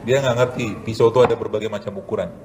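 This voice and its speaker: A man, a doctor, giving a casual health lecture with a live demonstration, animated and joking, asking rhetorical questions and answering them himself. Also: fairly low pitch, racing, a little hiss or hum, low-quality recording. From Indonesia. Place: event hall with audience.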